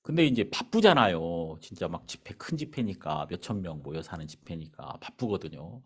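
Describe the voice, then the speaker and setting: A man's voice: sits low, moderate pace, slightly rough. A male pastor preaching in a church, telling a story with acted-out dialogue. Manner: animated storyteller acting out dialogue. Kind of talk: sermon with storytelling. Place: church sanctuary.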